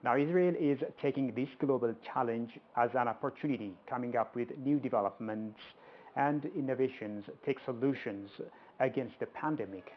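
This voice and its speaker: A man's voice: medium pitch, normal speed. A man working as an interviewer, putting formal questions to a guest. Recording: dull lo-fi audio.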